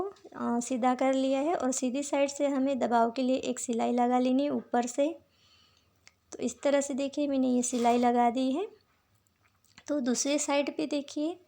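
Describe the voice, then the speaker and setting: A woman with a sore throat, calmly walking viewers through a sewing tutorial step by step. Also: high-pitched, gravelly. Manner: patient, repeats "dekhiye" while showing each step. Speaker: sewing teacher.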